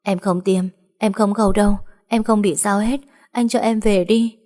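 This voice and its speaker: A woman's voice: fairly low pitch, brisk, darkish tone, lightly acted. A woman voicing a frightened young woman who pleads in broken, sobbing speech. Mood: frightened pleading.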